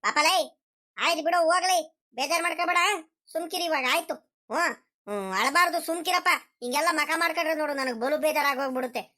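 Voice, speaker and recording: A woman voicing a scolding village grandfather in a cartoon comedy, ranting in rapid bursts with repeated exclamations. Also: high voice, bright, forceful tone. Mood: soothing. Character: scolding village grandfather, quick-tempered but soft-hearted.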